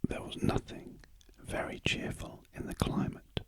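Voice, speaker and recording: A man with a British accent narrating a classic story as ASMR in a very gentle, breathy whisper, close to the microphone, pausing between short phrases. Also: poor audio. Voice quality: soft, breathy unvoiced whisper. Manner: very gentle, slow, measured reading with pauses. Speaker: ASMR reader. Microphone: close ear-to-ear stereo microphone.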